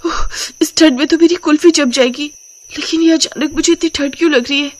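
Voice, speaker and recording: Woman doing a shrill fed-up young bride. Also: expressive, moderate pace, close to an everyday voice. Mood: shivering. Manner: high and exasperated.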